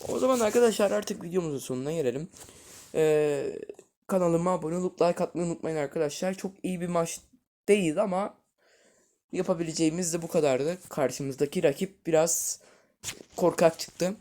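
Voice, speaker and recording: On the high side and talking a little fast, this gaming video host gives live commentary that leaps from loud outbursts to soft muttering. He speaks straight to his viewers as though they were his friends.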